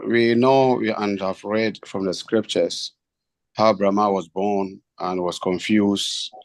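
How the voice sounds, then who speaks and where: A man asking a formal, reverent question as a devotee, deliberately, phrase by phrase. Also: fairly low pitch, fairly even intonation, no echo.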